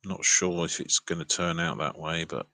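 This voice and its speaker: A man's voice: sits low, steady tone, normal speed, creaky, bright, forceful tone, no echo. A man co-hosting a casual chat, with a wry, dry sense of humor. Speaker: co-host.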